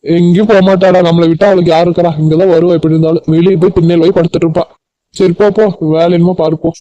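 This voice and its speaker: A man voicing a bossy middle-aged village father who scolds quickly, in a cartoon comedy. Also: high voice, level tone, dark tone, dry recording, dull audio, lightly acted. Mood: dismissive.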